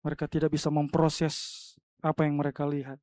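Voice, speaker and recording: A woman pastor preaching a sermon in church, swinging between loud emphatic cries and soft, hushed lines. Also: deep voice, little pitch movement, brisk.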